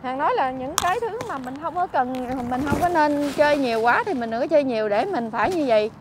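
A woman with a Southern Vietnamese accent, a vlogger chatting on the street who fusses, scolds and keeps exclaiming out loud. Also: high-pitched, lively intonation, quick pace, noisy background. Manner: scolding and fussing, exclaims often. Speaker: vlogger helping homeless people. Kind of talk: casual on-street chat. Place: outdoors by a street.

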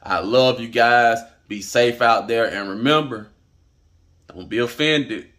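A man's voice: mid-range voice, slow pace, fairly bright tone. Guy vlogging trucker advice, blunt and emphatic, keeps hammering his points home. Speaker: trucking channel host. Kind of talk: direct-to-camera advice vlog.

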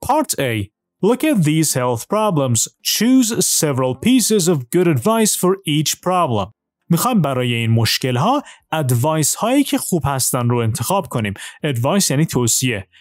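Man teaching English, lively and clear. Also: on the high side, no room sound. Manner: fast in Persian explanations, slow and deliberate on English examples. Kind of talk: language lesson, switching between Persian and slow English.

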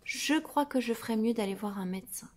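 A woman voicing a thin, timid man with a tiny appetite in a whispered role-play storybook reading, soft and hesitant. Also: very high-pitched, a little fast. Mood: wistful.

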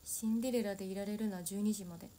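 A woman's voice: medium pitch, steady tone, rapid-fire, mellow. A young woman idol, chatting casually and giggling as she answers viewer comments on a solo livestream. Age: young adult.

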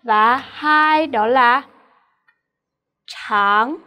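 High voiced vietnamese woman teacher going through new words, keeps checking her students follow. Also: unhurried. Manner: patient, asks rhetorical checks to students. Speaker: Chinese teacher. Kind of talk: classroom vocabulary lesson.

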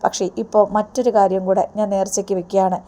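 A woman's voice: medium pitch, level tone, quick pace, dark tone, natural voice. A woman voicing a devoted young woman who forgives her brother, speaking earnestly.

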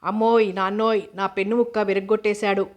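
A woman's voice: medium pitch, flat delivery, fast, lo-fi sound, lightly acted. A woman reading as a spoiled boastful schoolboy. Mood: angry.

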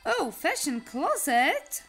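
A middle-aged woman, a mother, chatting casually while playing a video game with her daughter, often breaking into excited exclamations. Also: high voice, slow pace, vocal fry. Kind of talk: casual gameplay chat. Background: faint game music.

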